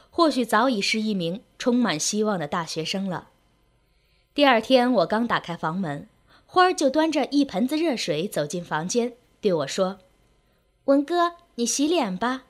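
Lady reading a sad love story out loud, emotive, pitch going up and down a lot.

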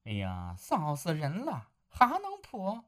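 A woman's voice: deep voice, wildly swooping pitch, takes it slowly, fairly bright tone, exaggerated voice. A woman doing a teasing, blunt village wife. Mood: mocking. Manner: teasing, scolding.

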